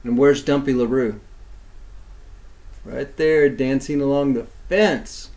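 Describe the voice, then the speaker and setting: Speaking slowly at medium pitch, a man reads a children's storybook aloud as a teacher would. He reads expressively and adds simple explanatory asides for young listeners.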